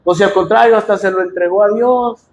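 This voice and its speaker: A man with a Mexican accent preaching a sermon as pastor, impassioned and direct with the congregation, often rising to shouts. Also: high voice, a little fast. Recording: echoey room with faint noise.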